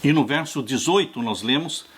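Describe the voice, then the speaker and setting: A pastor in his sixties delivers an earnest sermon on a Bible study lesson, his husky voice rising and falling with lively pitch. He preaches slowly and pastorally, warmly calling his listeners "dear ones."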